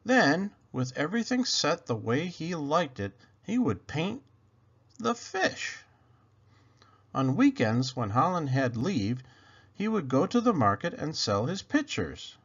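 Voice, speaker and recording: A storyteller hosting a picture-book channel reads slowly in a somewhat high, slightly rough, a bit bright voice that is very animated. He gives the text dramatic emphasis and asks the listeners questions, in a recording with dull lo-fi quality.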